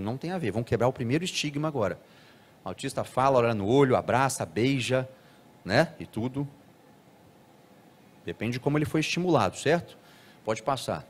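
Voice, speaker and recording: Animated man giving a talk. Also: medium pitch. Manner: animated, acts out children's speech in a raised voice. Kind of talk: live talk to an audience.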